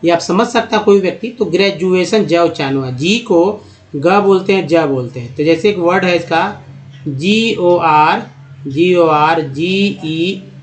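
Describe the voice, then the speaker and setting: A man's voice: high voice, animated, normal speed. A man teaching pronunciation step by step, addressing viewers as friends. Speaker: English teacher. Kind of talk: teaching lesson.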